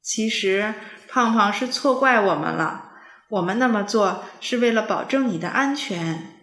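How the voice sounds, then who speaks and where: A woman voicing a calm, kindly rabbit doctor who patiently explains things to children. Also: mid-range voice, a little slow, echoey room. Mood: explaining.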